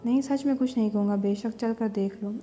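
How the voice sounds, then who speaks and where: A proud young husband speaks in a firm, serious voice, read by a woman narrator in a storybook. Music plays softly beneath the lines. He speaks at a middling pitch. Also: close to an everyday voice. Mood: tender. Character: young husband, proud, stern turning tender.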